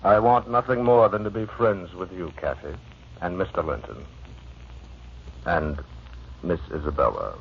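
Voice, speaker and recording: A man acting in a radio drama as a brooding, vengeful lover, husky, sardonic and scoffing. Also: deep voice, a little slow, long pauses, background noise. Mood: smooth sarcasm. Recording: muffled vintage radio recording.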